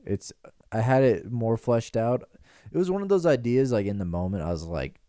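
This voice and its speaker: A man's voice: mid-range voice, expressive, moderate pace, warm tone, no echo, studio quality. A man in his twenties hosting a podcast, rambling and riffing in casual joking chat in a small room with pillows dampening the sound. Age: 20s. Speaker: podcast host.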